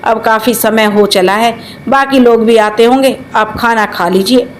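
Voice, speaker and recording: A woman's voice: a little high, steady tone, measured pace, slight background noise, lightly acted, low-quality recording. A woman voicing an anxious young man of the household in a storybook tale, speaking earnestly and nervously. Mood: polite.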